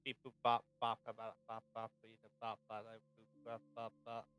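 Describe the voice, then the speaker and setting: A man's voice: on the low side, monotone, moderate pace, bright, forceful tone, smooth. A male player in an online tabletop game session, chanting beeps and boops through a voice changer that morphs his voice.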